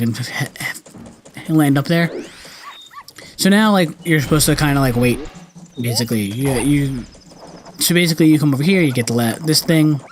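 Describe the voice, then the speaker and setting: This gaming video host has a fairly high male voice, heard with slight background noise and game music playing. He rambles casually through his let's-play commentary, using slang and fixing his own words along the way.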